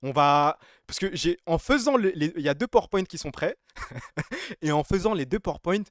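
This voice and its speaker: Casting: man in his twenties, slightly high voice, rambling joking streamer, dry close mic. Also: lively intonation, moderate pace, no echo. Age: 20s. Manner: rambling and joking, lots of laughing and exclaiming. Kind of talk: casual live-stream chat with viewers.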